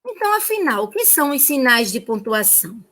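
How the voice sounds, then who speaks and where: A woman's voice: a little high, very animated, a little fast, sharp tone. A Brazilian woman teacher giving a remote lesson to first graders in a sing-song, child-directed way. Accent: Brazilian Portuguese.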